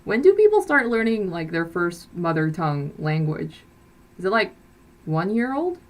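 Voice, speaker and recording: A young woman from South Korea, a native Korean speaker, hosts a casual livestream from her bedroom with a blackout curtain. Her fairly low voice swings widely in pitch at a moderate pace as she rambles, full of fillers and restarts.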